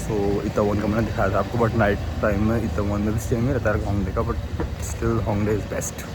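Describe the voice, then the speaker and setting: A man's voice: on the low side, level tone, fast talker, noisy background. A young man from India vlogging his night out in the city, chatty and always calling out to his viewers, filmed on a handheld phone. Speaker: travel vlogger. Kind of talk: casual travel vlog. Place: city streets, metro and shop, at night. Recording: loud music over the talk. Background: loud music and insects chirping.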